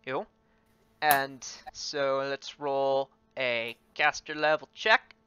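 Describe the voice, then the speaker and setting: A man running a tabletop game as game master, halting with many ums and restarts. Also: mid-range voice, fairly even intonation, bright, forceful tone, clean tone, dry recording. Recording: dry, muffled voice chat.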